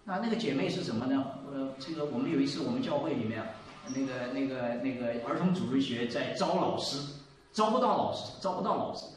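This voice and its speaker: A man in his seventies giving a sermon and telling a story, moving between loud exclaiming and quiet asides. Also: mid-range voice, lively intonation, a little fast, recorded from a distance. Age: 70s. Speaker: preacher. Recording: echoey room, voice from off the mic.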